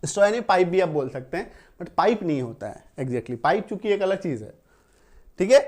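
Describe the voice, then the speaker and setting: A man's voice: high-pitched, lively intonation, a little fast, darkish tone. A man teaching an English spelling lesson, spelling words out letter by letter, repeating each rule and often checking whether it is understood. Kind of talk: classroom-style spelling lesson.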